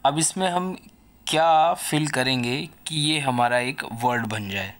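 Indian-accented male teacher for a recorded kids' lesson, very unhurried and patient, mid-pitched. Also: a bit bright. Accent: Indian English. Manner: slow, patient, explains each point in Hindi and English. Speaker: school English teacher. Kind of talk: recorded online lesson for children.

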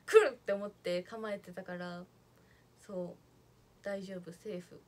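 A woman's voice: medium pitch, steady tone, a little slow, a little hiss or hum. A young woman chatting casually on a livestream, reading out viewer comments and thanking them as she goes. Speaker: idol livestreamer.

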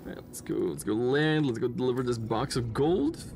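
A young man from the Czech Republic or Slovakia, with a Slavic accent, chats casually while streaming a game from a home room in front of a gaming chair. His mid-range voice is animated, at normal speed with vocal fry, rambling with lots of fillers and restarts over faint game music.

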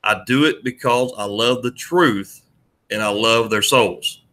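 A man's voice: mid-range voice, unhurried, pushed and bright. A man voicing an earnest, preacherly Bible-study friend who recites scripture firmly.

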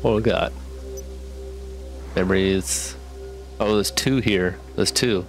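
Low-voiced young man wearing a retainer, slightly sick. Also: slow pace. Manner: talking with retainers in his mouth, slightly off articulation. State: getting over a sickness with a cough. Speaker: gaming streamer. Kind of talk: casual let's play commentary. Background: game music.

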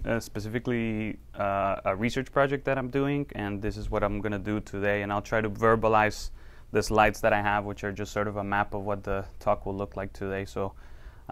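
In a lecture room before a small audience, a Costa Rican university researcher presents his findings in a casual, filler-heavy way. His voice is low-ish, with a fairly bright, clean tone.

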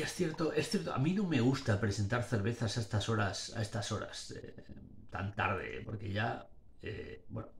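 A man's voice: fairly low pitch, slight background noise. A man in his forties reviews a beer in a casual video from a small dim room, talking at close range to a webcam or phone. He talks in a slurred, rambling way, full of restarts, and plays up being tipsy. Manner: slurred, rambling speech with restarts, playing up drunkenness. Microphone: webcam or phone at arm's length.

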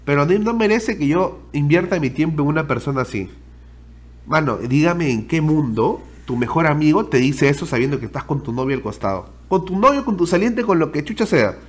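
A young Peruvian man streaming, telling his viewers a story straight to camera. His voice sits a little high and swings widely up and down as he rants. He is loose, slangy and full of swearing. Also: a little fast, breathy edge. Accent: Peruvian Spanish. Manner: animated, slangy and profane, addresses viewers directly.

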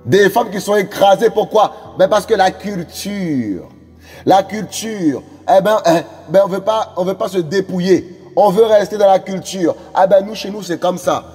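A male preacher exhorts his listeners with a high, slightly husky voice, circling back on phrases and filler words. His sermon rings with a long reverb, as if in a large hall, and soft music plays underneath. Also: unhurried. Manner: fervent, repetitive exhortation with many fillers. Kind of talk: evangelistic sermon.

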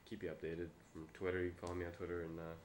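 Deep, flat-voiced young man with stuffy nose. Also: rapid-fire, slight background noise. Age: young adult. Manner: low-key, hesitant, rambling. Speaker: vlogger and amateur filmmaker. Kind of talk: casual, unscripted update vlog. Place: small room indoors. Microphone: webcam or laptop mic at arm's length.

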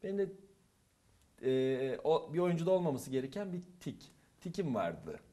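A man's voice: fairly high pitch, moderate pace. A young man from eastern Turkey, a theatre club instructor, telling stories animatedly in a casual interview and acting out the dialogue. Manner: animated, acts out quoted dialogue with shifting loudness.

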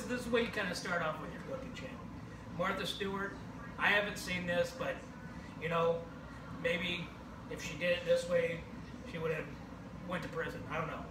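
A man in his forties with a high-pitched voice rambles and jokes through a home cooking demonstration, tagging "okay?" onto his lines. He is recorded from across an echoing kitchen on a distant camera mic. A steady hiss of noise sits under his voice. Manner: jokey, rambling, keeps saying okay. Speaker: home cooking show host. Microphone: camera across the room.

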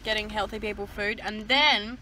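A woman's voice: medium pitch, fairly even intonation, normal speed, pushed and bright, slight background noise. A young woman vlogging casually on her phone, chatty, laughing often and swearing freely. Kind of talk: casual vlog chat.

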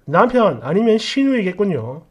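A man's voice: high voice, big pitch swings, normal speed, slightly rough. A man narrating a reader's story and adding blunt, sarcastic commentary.

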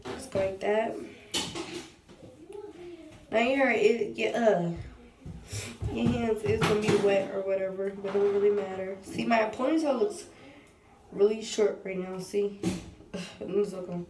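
A woman's voice: medium pitch, steady tone, a little slow, long pauses. A young woman with a stuffy nose from a cold, chatting casually to viewers while showing her hair. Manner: chatty, addresses viewers as y'all. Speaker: vlogger. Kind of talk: casual hair tutorial vlog. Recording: echoey room, distant mic, noisy background.

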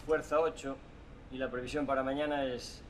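A Spanish-accented man reports over a ship's radio in a matter-of-fact way. His voice comes from far off through a noisy radio link, with clear static and hiss around it. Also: mid-range voice, flat delivery, moderate pace. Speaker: ship radio operator.

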